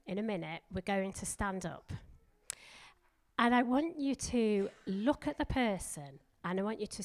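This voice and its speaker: A middle-aged woman preaching a sermon in a church, emphatic and energetic, leading the congregation in spoken declarations. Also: mid-range voice. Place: church hall.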